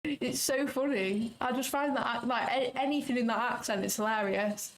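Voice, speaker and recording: A woman's voice: a little high, normal speed, slight background noise, poor audio. A woman hosting a trading livestream, chatting casually, giggling and swearing freely. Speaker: livestream host and futures trader.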